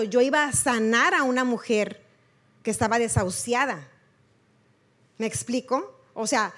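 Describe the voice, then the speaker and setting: Female preacher, high-pitched, earnest and chatty, repeats for emphasis. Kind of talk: testimony sermon.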